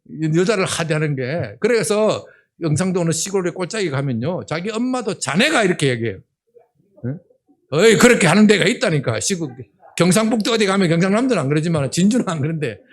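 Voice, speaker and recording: An older man with a Gyeongsang accent preaches from a church pulpit. His voice sits high for a man and swoops up and down with lively expression. He jokes and keeps prodding the listeners for a response. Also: fairly quick. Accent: Gyeongsang Korean. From Gyeongsang region of Korea. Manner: animated, humorous, keeps asking the congregation "예?". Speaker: senior pastor. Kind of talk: sermon. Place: church sanctuary.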